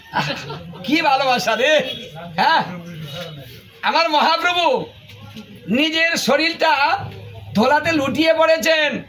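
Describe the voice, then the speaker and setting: Very high-voiced male preacher. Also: pushed and bright, slight background noise. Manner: emphatic, rhetorical questioning. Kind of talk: devotional sermon.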